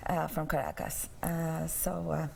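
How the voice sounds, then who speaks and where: A woman's voice: low-pitched, level tone, unhurried, gravelly, darkish tone, a little hiss or hum. A woman pianist from Venezuela answering interview questions in a hesitant way, often repeating words. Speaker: concert pianist. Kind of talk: interview guest. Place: TV studio.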